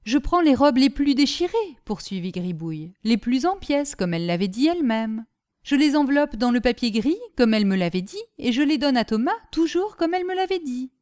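Woman putting on a simple, eager country boy, high and lively, rushing through his muddled story breathlessly. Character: simple-minded earnest young peasant boy.

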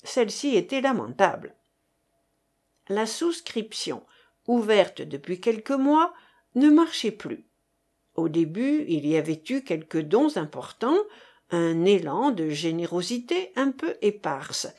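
A woman reading a novel aloud as narration, expressive, voicing the dialogue. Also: medium pitch, a little slow. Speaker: audiobook reader. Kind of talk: scripted narration.

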